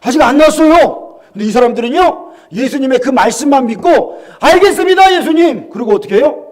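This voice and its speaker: High-voiced pastor, lively animated sermon. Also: male voice, a little fast. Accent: Gyeongsang Korean. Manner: animated storytelling, shouting acted quotes; asks the congregation questions.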